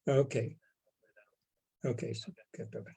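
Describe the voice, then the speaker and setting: A man heard over a video call as an interview guest, his voice mellow and warm. He speaks calmly and evenly, taking his time with each answer. The sound carries the slight thinness of a remote link. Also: mid-range voice, moderate pace, vocal fry, breathy edge. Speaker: head of a theater company.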